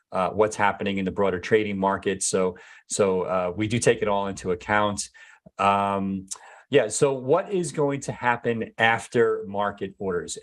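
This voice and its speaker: A company executive answers viewer questions in a casual live Q&A, his low-ish voice turning hoarse as he loses it. He hesitates a lot, using many fillers and restarting his sentences.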